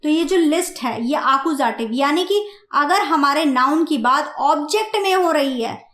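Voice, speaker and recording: A woman teaching German grammar in Hindi, speaking slowly, repeating points and asking her students questions. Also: sits high, expressive, a bit bright, echoey room. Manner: slow, repeats and asks the class questions. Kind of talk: grammar lesson explained in Hindi.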